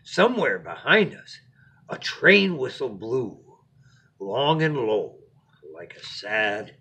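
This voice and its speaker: A man reads a children's picture book as a bedtime story, expressively, with dramatic pauses and phrases that sink to a hush. His voice is mid-range and slightly rough, with big swings in pitch.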